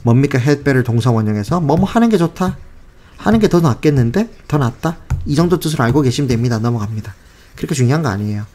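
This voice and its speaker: A man's voice: medium pitch, lively intonation, fast, a little mellow. A man teaching English grammar in casual Korean, speaking with passion and exasperation and mixing in English phrases. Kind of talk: casual spoken lesson.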